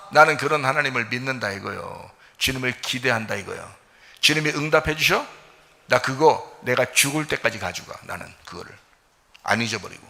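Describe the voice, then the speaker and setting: A male pastor preaching a sermon with passion, swinging between loud, fervent peaks and low, quiet stretches. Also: vocal fry. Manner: impassioned preaching, swings from shouting to near-whisper. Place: church sanctuary. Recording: echoey church hall.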